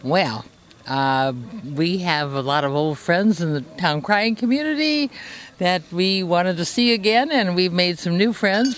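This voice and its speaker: A man's voice: high voice, fairly bright tone, slight background noise. A man visiting a town crier event, answering casually in an interview.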